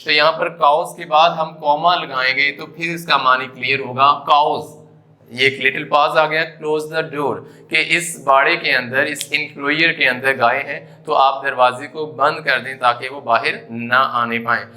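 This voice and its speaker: Bright-voiced man teaching grammar. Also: medium pitch, steady tone, moderate pace, few pauses. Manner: explanatory, mixes English terms into Urdu; repeats points with frequent "जी" and "तो". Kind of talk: classroom grammar lecture.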